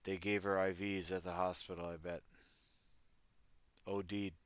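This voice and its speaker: A livestream host reads news articles aloud and then riffs on them, throwing wry, irreverent asides to his chat in casual commentary. His low voice is level, unhurried and smooth, with no echo.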